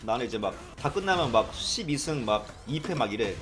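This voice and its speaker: A young man from South Korea casually telling stories, animated and often mimicking people he quotes. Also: mid-range voice, brisk, faint music behind. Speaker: streamer recalling arcade days. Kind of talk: casual storytelling chat.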